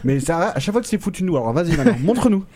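A man's voice: sits high, big pitch swings, very fast, warm tone. A man hosting a radio show, prodding and joking with his co-hosts in casual studio banter.

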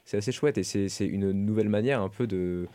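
Young man, student guest, very low voice, dark, hesitant, radio interview. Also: a little fast. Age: young adult. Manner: hesitant, many fillers and restarts.

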